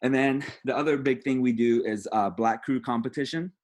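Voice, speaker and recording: A man, a high school football coach, giving a conversational clinic presentation to other coaches, often checking in with "right?" and repeating "again". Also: steady tone, normal speed, a little mellow.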